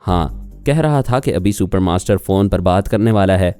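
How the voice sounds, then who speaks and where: A man's voice: sits low, expressive, dark tone, smooth, no echo, soft background music. A man playing a curt, hot-tempered agent. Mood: irritated. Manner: curt, irritable. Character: hot-tempered male agent, defensive husband. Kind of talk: audiobook character reading.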